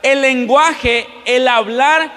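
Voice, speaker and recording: A man's voice: extremely high pitch, drawn-out words, a bit bright. A man preaching a sermon as pastor in a church, often putting questions to the congregation. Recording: long church-hall reverb.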